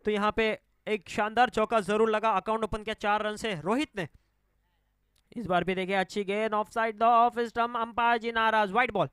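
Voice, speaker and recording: A man giving excited live cricket commentary, his voice rising on shots and wickets and mixing in English cricket terms. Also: high voice, moderate pace, clear, resonant tone, no echo.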